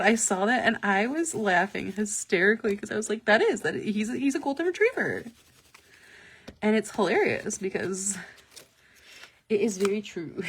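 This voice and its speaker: A woman hosting a casual live stream, talking excitedly and laughing often, with lots of "like" fillers. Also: mid-range voice, breathy edge. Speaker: planner stencil shop host. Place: office. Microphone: live-stream webcam mic.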